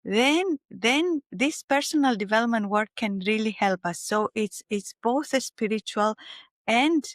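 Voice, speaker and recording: A woman with a Greek accent, a spiritual teacher speaking as an interview guest in a gentle, searching way with frequent restarts. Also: fairly high pitch, animated, measured pace, no echo, clean studio sound. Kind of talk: reflective interview talk.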